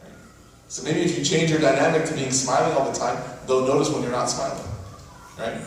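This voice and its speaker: A man's voice: mid-range voice, fairly even intonation, fairly quick, slight background noise. A man giving a conversational sermon-style lecture, often checking in with his listeners by asking "right?". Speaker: preacher. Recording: echoey hall from far off.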